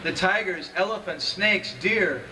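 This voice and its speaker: A man with a high, bright voice translates and explains a verse for the audience. He is heard from some distance from the mic, with faint noise behind him. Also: measured pace. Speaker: translator and disciple. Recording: from far off, faint room noise.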